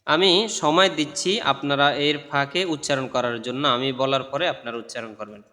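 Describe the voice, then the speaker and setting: A man's voice: mid-range voice, steady tone, a little fast, bright, forceful tone. A man teaching Quran reading, patiently drilling syllables one at a time and correcting pronunciation as he goes. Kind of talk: recorded spelling-drill lesson. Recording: long reverb.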